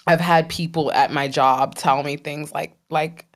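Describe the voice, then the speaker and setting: A woman's voice: low voice, measured pace. A woman in her thirties co-hosting a casual podcast chat, telling stories and acting out the voices she quotes. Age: 30s. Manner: animated storyteller, acts out quoted voices. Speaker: podcast co-host.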